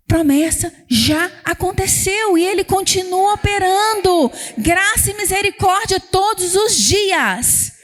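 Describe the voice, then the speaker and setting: A Brazilian woman preaching a Sunday sermon, repeating phrases for emphasis and acting out worshippers' voices in quick asides. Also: very high voice. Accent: Brazilian Portuguese.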